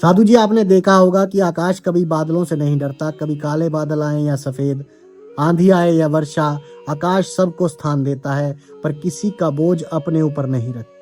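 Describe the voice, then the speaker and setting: A man giving a calm, measured devotional discourse as a spiritual teacher, speaking directly to seekers. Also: on the high side, soft background music.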